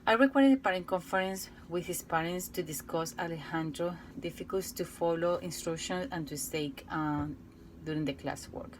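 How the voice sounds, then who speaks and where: Low-voiced Colombian-accented woman teacher. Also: a little hiss or hum, poor audio. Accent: Colombian Spanish. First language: Spanish. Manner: careful, halting delivery with restarts and fillers. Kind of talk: reading a prepared case report.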